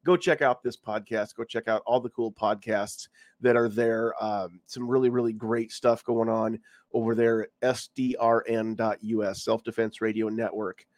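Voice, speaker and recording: This man's voice is on the low side and darkish, with fairly even intonation at normal speed on a dry recording. Hosting a casual live-stream podcast, he's congested from a cold he's getting over and talks around a lozenge.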